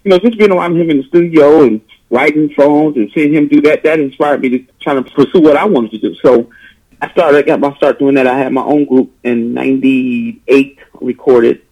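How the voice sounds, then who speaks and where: A man in his forties from Detroit, a gospel musician talking in a casual interview, animated and preachy, full of rhetorical questions. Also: medium pitch, moderate pace. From Detroit, USA. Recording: muffled lo-fi audio.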